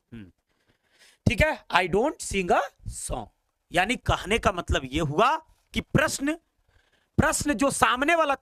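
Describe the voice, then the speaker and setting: Hindi-accented male teacher, lively swooping delivery, crisp bright tone, repeats phrases slowly for learners. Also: sits high, dry recording. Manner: animated, coaxing students as "beta", repeats English slowly. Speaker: English teacher. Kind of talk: spoken English lesson.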